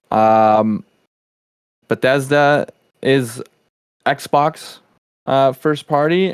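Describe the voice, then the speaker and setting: A man's voice: mid-range voice, smooth, dry recording, clean studio sound. A man co-hosting a casual gaming podcast, explaining his view in an earnest way. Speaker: podcast co-host.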